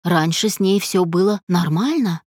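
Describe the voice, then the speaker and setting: A woman narrating an audiobook in a calm, even, intimate reading. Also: on the low side, normal speed, breathy edge, dry recording, clean studio sound.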